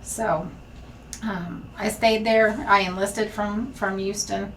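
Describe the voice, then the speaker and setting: Fields: Sex: woman. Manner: candid, steady. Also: mid-range voice, slow, recorded from a distance, slight background noise, poor audio. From Texas. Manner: candid, steady, with frequent ums. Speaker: senior enlisted leader. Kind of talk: personal story in a sit-down conversation. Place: bright indoor studio set.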